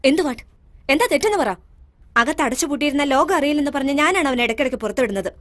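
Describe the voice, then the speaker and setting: A woman's voice: high voice, animated, very fast, a bit bright. An actress voicing an outspoken mother who argues hard for her son against her husband. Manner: argumentative, pleading. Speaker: mother and wife. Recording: film dub with music behind.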